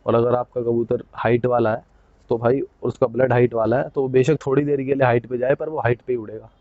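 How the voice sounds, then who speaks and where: A man showing his pigeons to the camera in a casual, chatty way, often tagging his sentences with a quick "okay?". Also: medium pitch, flat delivery, no room sound, narrow, tinny audio. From India. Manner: chatty, keeps saying "bhai" and "theek hai". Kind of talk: casual hands-on show-and-tell.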